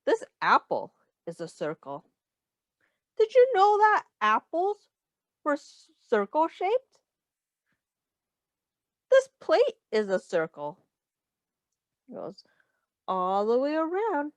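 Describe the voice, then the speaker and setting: With a high-pitched voice that swoops wildly, a woman reads a picture book aloud slowly, pausing often. As a teacher, she explains simply to young children and asks them questions in instructive phrasing aimed at them, with no echo in the recording.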